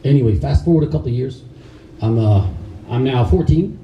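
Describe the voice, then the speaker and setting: A karate instructor who grew up in Denmark rambles loosely to a seated group at a camp, filling his speech with fillers and restarts. His mid-range voice moves a little fast. The recording, distant and roomy like a hall, has its highs cut off and a little hiss or hum.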